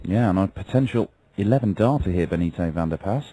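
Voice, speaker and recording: Animated male darts commentator. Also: low-pitched, fast, slight background noise. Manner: punchy, reacts to play in short phrases. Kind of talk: live sports commentary.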